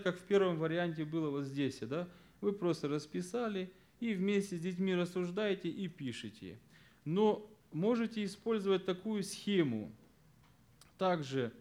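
Earnest man teaching Bible lesson method. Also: on the high side. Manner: earnest, stresses key words, drops to soft voice at verse endings; explanatory, addresses listeners as friends. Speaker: Sunday school teacher.

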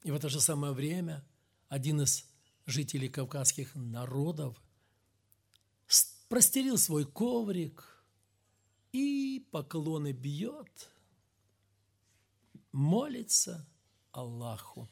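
A man preaching a sermon in a high voice with a rough, gravelly edge. He swings from loud, emphatic stresses to low, quiet asides. When he quotes others, he raises his voice to act out their speech. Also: animated, slow pace, long pauses.

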